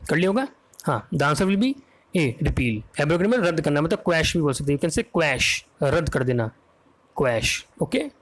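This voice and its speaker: A man with an Indian accent teaching English vocabulary for an exam, talking fast in a quiz style and often checking that students follow. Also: fairly high pitch, very animated. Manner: fast, drills answers with repeated "है ना?" checks.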